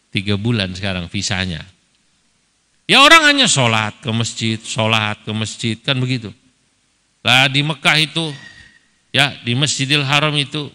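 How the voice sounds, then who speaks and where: A middle-aged Indonesian preacher speaks to a gathering, telling stories with humor and acting out the people he quotes. His voice is very bright and smooth. The hall carries a long reverb. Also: mid-range voice. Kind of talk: religious lecture to a gathering. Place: large hall at a celebration.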